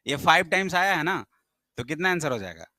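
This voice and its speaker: A man's voice: on the high side, sing-song, brisk, bright, forceful tone, no echo. A male math teacher, lecturing a classroom and firing questions at his students, sometimes scolding them.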